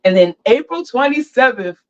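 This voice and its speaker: A woman's voice: fairly high pitch, expressive, moderate pace. A woman hosting a casual podcast, talking into her phone, chatty and hyped. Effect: talking into a phone, heard through its mic. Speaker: podcast host. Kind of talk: casual chat. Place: barber chair. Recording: lo-fi phone-mic sound.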